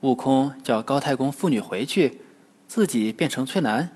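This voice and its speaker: Lively male storyteller for children. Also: medium pitch, moderate pace, breathy edge. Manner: lively, expressive. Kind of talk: scripted narration.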